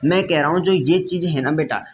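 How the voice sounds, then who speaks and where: A man's voice: fairly high pitch, fairly quick, lo-fi sound, noisy background. Repetitive man teaching class. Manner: repetitive, addresses students as "beta", asks frequent checking questions. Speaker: science teacher. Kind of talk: classroom lecture with whiteboard.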